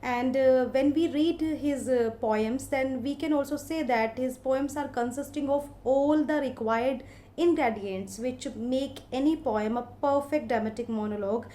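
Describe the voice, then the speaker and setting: A woman from India with an Indian English accent, giving a literature lecture in a slow, explaining way with many hesitant fillers. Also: high-pitched, mellow. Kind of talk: recorded lecture.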